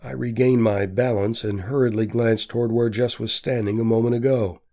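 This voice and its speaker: A man reading a story aloud as an audiobook narrator, in a measured, steady manner. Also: mid-range voice. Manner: slow, measured reading with quietly voiced quotes. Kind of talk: scripted narration.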